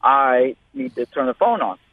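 A man's voice: mid-range voice, animated, moderate pace, no echo. Radio show caller guy on the phone, thin tinny line, dry sound, rambly story mode.

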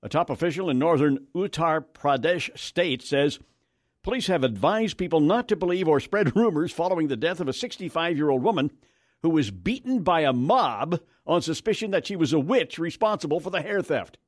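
A man's voice: a little high, lively intonation, moderate pace, dry recording, studio quality. An American man hosting morning radio news, reading items and adding wry, conversational asides.

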